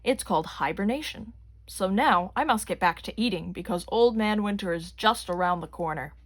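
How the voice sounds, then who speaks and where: A woman's voice: mid-range voice, expressive, normal speed, natural voice. A woman voicing a friendly big male bear in a read-aloud storybook.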